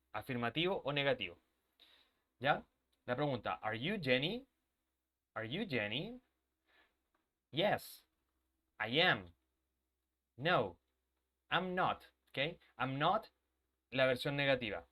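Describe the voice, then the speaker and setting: This fairly bright, higher-pitched man leads an English grammar lesson online, breaking explanations into steps and frequently checking that his students are following. When he goes to the board, his voice occasionally moves away from the microphone.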